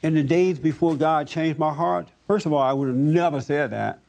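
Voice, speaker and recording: A man speaks at a moderate pace in a fairly high, darkish voice with vocal fry. Hosting an informal preaching discussion, he leads the group and responds to questions from the audience. His speech is folksy and plain, with loose grammar.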